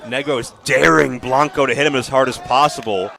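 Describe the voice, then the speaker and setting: Bright-voiced male lucha libre announcer. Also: medium pitch, fairly even intonation, brisk, creaky. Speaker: play-by-play wrestling announcer. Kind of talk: lucha libre match commentary.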